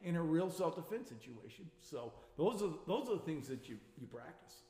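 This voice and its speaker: Confident martial arts instructor, echoey room. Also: male voice, fairly high pitch, big pitch swings, dark tone. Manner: confident, explanatory, quick to laugh. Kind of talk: casual interview talk. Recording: echoey room with long reverb.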